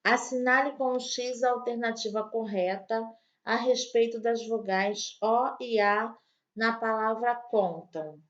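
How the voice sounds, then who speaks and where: Patient woman teacher for small kids, a little high-pitched, dull lo-fi recording. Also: fairly even intonation. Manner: slow, patient, spells out words for young pupils. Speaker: primary school teacher. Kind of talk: online grammar lesson for children.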